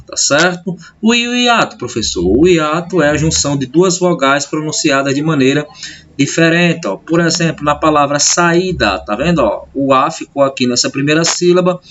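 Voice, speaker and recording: A man's voice: on the high side, a bit bright. A male teacher, explaining a grammar lesson step by step and often checking in with his pupils in a recorded video lesson. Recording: dull lo-fi sound with faint noise.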